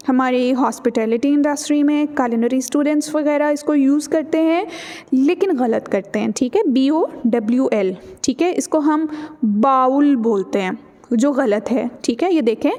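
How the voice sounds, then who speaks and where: A high-voiced woman teaches English pronunciation, mixing Urdu explanations with careful English examples. She talks slowly and deliberately, stretching out each model word, and the recording carries a long reverb tail. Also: dark tone. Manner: explains in Urdu mixed with English, repeats "theek hai" often; slows down sharply on English model words. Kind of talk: online pronunciation lesson.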